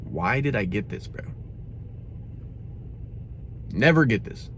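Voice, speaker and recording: A man's voice: fairly low pitch, slow, a little hiss or hum. A young man reviewing a drink in a casual, exasperated rant, saying "bro" often. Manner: animated, exasperated, says "bro" a lot.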